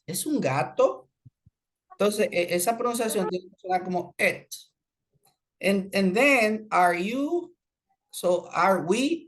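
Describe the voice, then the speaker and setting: Slow-woman teacher, low voice. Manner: explains slowly in Spanish, mixes in English examples. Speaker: English teacher. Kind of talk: online class lesson.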